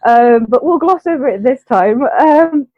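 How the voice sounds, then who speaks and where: A Romanian woman, an interpreter appearing as an interview guest, speaks over a tinny line in a high, expressive voice with no room sound. Romanian is her first language, and she comes across as measured and articulate in this casual interview chat.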